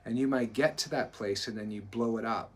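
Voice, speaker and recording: A man's voice: on the low side, steady tone, fairly quick, slight background noise. A man co-hosting a live stream as a performance coach, talking earnestly and encouragingly, often restarting his sentences. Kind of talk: motivational live-stream talk.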